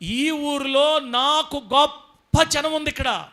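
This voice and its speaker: Guy preaching as jesus, high bright voice, fervent and shouting, reassuring. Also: slow, heavily acted. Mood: rousing. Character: Jesus, a grown man, reassuring and commanding.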